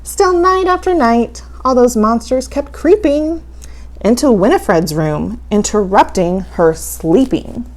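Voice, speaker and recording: A woman reading a children's story as a campy horror host, with dramatic, playfully spooky, drawn-out delivery. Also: a little high, lively intonation, darkish tone.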